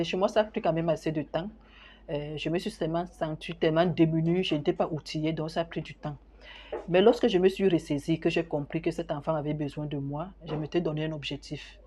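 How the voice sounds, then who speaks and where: Mother interviewed for a documentary: low, mellow, earnest. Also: breathy edge. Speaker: mother and association president.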